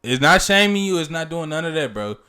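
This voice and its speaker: A young man talks in a loose, casual podcast chat. His voice sits a little high for a man. He stays emphatic and teasing, and keeps circling back to the same catchphrases. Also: very animated, a little fast, pushed and bright, clear, resonant tone. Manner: repeats "relax" and "you feel me", emphatic and teasing. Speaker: podcast co-host.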